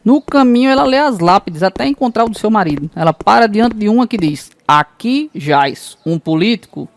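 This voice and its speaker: Um homem com sotaque nordestino brasileiro conta piadas num tom popular e arrastado nos desfechos. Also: male voice, sits high, expressive, quick pace, vocal fry. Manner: folksy joke-telling, drawling punchlines. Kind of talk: scripted joke narration.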